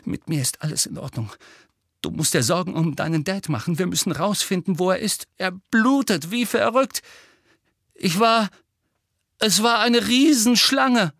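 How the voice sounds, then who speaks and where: A man's voice: mid-range voice, normal speed, vocal fry, slightly rough, no room sound, clean studio sound. A man voicing a frightened teenage boy wizard who pants and speaks with agitated urgency. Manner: panting, agitated, insistent.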